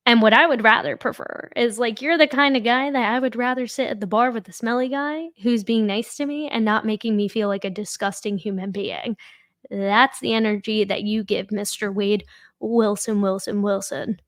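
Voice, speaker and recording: A woman's voice: fairly high pitch, steady tone, moderate pace, no echo, clean studio sound. A woman giving casual, opinionated true crime commentary in a blunt, emphatic way.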